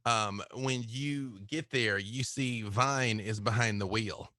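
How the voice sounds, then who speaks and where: A man narrating a tabletop horror game as game master, animated and quick to jump into shouted voices for other figures. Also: lowish voice, dry recording, studio quality.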